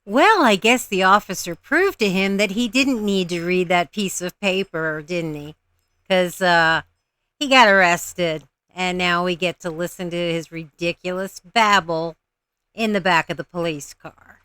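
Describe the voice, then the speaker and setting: Clear-voiced woman hosting casual reaction commentary. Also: lowish voice, measured pace, fairly bright tone. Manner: exasperated, mocking. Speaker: host of a reaction video channel.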